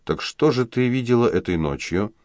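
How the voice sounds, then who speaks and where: A man voicing a calm, polite police chief who speaks in a measured way. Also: mid-range voice, no room sound, clean studio sound, voice pushed up, natural voice. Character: calm pipe-smoking male police chief, patient.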